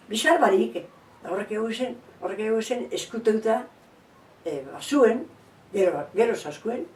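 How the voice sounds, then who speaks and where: An older woman with a Basque accent, an interviewee telling animated memories and switching between two languages. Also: a little high, echoey room, recorded from a distance, low-quality recording. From Basque Country. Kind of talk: oral history recollection.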